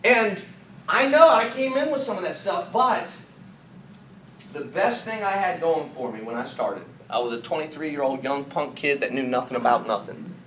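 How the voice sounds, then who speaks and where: Bright, high-voiced American man rallying a room. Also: moderate pace. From United States. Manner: energetic, rhetorical questions, jokey asides. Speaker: business trainer. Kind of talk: motivational training talk. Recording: echoey room, faint background noise.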